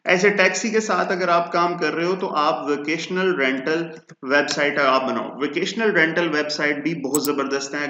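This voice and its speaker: A man's voice: fairly high pitch, sharp tone. A man giving a casual tutorial, chatty, calling listeners brother and slipping into English. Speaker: freelancing tutor and podcast host. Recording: echoey room, dull lo-fi sound.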